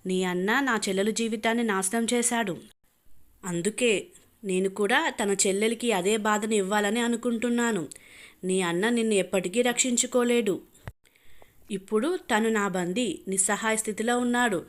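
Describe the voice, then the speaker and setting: A woman's voice: medium pitch, steady tone, moderate pace, lightly acted. A woman voicing a cruel, vengeful young husband who talks in a cold, taunting, menacing way.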